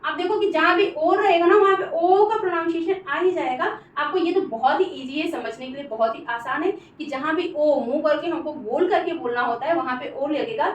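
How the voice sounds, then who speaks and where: High-voiced woman teaching phonics. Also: distant mic, muffled recording, slight background noise. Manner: slow, drawn-out spelling of letters and words, repeating each word. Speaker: English teacher. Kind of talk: classroom-style phonics lesson. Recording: echoey room, voice off-mic.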